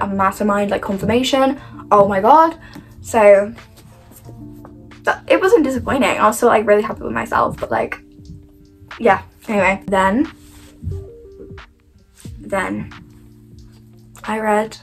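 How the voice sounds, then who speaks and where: A young woman talks through her reading wrap-up in a casual, gushing way, peppering everything with "like" and leaping up in excitement. Her pitch sits in an ordinary middle range for a woman. Faint music plays softly behind her. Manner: gushing, animated, heavy use of "like". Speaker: book reviewer.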